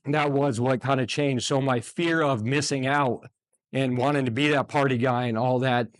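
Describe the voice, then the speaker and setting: A man's voice: medium pitch, fairly even intonation, moderate pace, dry recording, studio quality. A man in his forties from the United States talking in a loose, rambling way with lots of fillers, choked up at moments. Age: 40s. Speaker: guest. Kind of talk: casual interview talk.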